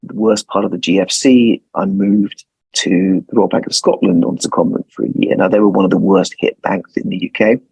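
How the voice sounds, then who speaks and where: Brisk and steady in tone, a London lawyer in his forties speaks with a low, creaky, darkish and husky voice and a London accent. As an interview guest he answers thoughtfully, frequently repeating words while shaping his sentences. The rough recording has no room sound.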